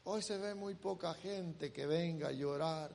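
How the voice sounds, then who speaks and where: A man's voice: fairly high pitch, a little slow, gravelly, darkish tone, in a large hall. A male preacher delivering a sermon, emphatic and repetitive, urging his listeners again and again to look. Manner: emphatic, repeats "look, look" to the congregation.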